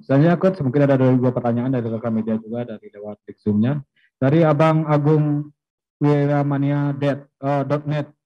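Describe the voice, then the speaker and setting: A man runs a football press conference with polite, formal phrasing, handing the floor to speakers and reading questions aloud. His voice sits at a middle pitch. The recording is dull and lo-fi. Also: steady tone, moderate pace. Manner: polite, reads out reporters' questions. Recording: dull lo-fi sound.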